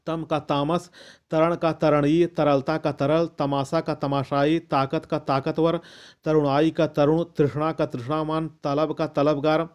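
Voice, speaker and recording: Guy teacher slowly reading off a word list, kinda high voice, steady and methodical. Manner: measured and methodical, with occasional restarts and coughs. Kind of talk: slow recitation of word pairs.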